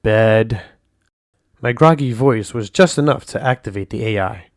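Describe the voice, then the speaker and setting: A man narrating a first-person audio story in a calm, soft-spoken way. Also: mid-range voice, a little fast, creaky, dry recording, studio quality.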